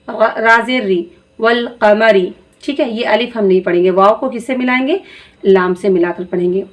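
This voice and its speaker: A woman teaching Quran reading to other women, spelling out syllables slowly and checking in with "theek hai" as she goes. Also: medium pitch. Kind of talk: patient Quran reading lesson.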